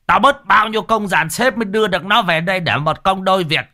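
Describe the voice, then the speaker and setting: A man's voice: sits high, fast talker, voice pushed up. Man doing a raging cruel old village chief. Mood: raging, abusive. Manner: shouting, snarling abuse. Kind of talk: storytelling voice acting.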